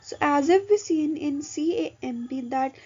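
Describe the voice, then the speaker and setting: Woman, Indian accent, mellow timbre, methodical lesson narration, dull recording. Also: high-pitched, normal speed. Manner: methodical, repeats and restates points. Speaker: biology teacher.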